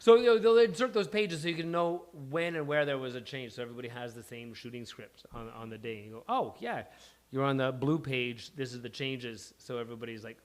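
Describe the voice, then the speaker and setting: This is the host of a live table-read show, chatting casually from the stage of a small venue. He rambles through his explanations at a slightly fast clip in a medium-pitched voice.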